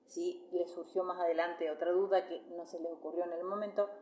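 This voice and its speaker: A woman's voice: fairly low pitch, fairly even intonation, fairly quick, warm tone, reverberant, lo-fi sound, a little hiss or hum. A woman with a Rioplatense Spanish accent teaching singing in a live masterclass, chatty and explanatory, often checking in with "¿sí?".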